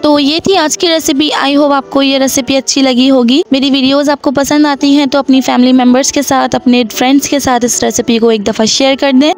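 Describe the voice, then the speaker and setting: A woman hosting a cooking channel, giving steady step-by-step instructions in a recipe voice-over. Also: sits high, a little fast, few pauses. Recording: faint background music.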